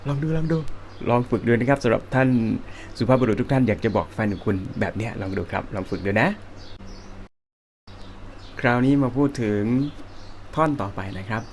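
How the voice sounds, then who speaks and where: A man with a Thai accent teaching singing, explaining slowly and breaking into high sung phrases. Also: slight background noise. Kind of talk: relaxed spoken singing lesson with sung demonstrations.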